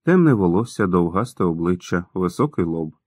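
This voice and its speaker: A man narrating an audiobook in a calm, even storytelling manner. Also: sits low, fairly quick, no echo, studio quality. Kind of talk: scripted narration.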